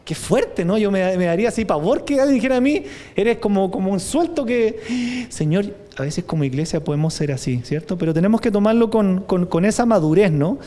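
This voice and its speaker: A man's voice: high-pitched, expressive, brisk, warm tone. A man with a Chilean Spanish accent preaching a sermon, talking in a conversational way with many rhetorical questions and reading scripture aloud with rising force. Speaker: pastor.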